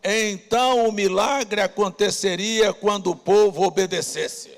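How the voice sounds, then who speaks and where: High-voiced gravelly pastor preaching. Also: male voice, unhurried. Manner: preaching with shouted exhortations to the congregation. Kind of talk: sermon. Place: church hall. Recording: long church reverb.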